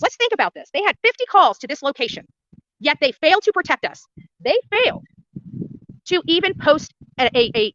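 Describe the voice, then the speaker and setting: A high-sitting, slightly bright female voice comes through dull audio with no room sound. She reports live outdoors at a roadside in front of a house as an independent commentator hosting her own show, speaking bluntly and indignantly and repeating phrases for emphasis.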